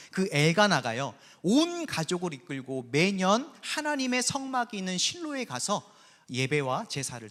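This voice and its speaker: A man preaching a sermon in a church, telling the story vividly and acting out the quotes himself. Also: fairly high pitch. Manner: lively storytelling preacher, acts out biblical quotes. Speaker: pastor. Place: church sanctuary. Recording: long hall reverb.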